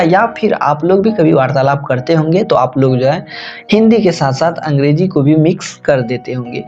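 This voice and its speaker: A man's voice: a little high, mellow, muffled recording. A man, an online tutor, giving a lecture and explaining a grammar topic, often repeating and correcting himself as he speaks to his viewers as friends. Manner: repetitive, self-correcting, addresses viewers as friends.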